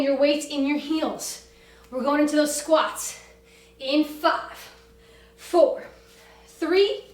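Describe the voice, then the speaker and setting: A woman fitness instructor leading a class with brisk, commanding, motivational cues and countdowns. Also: sits high. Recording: roomy echo, distant from the mic.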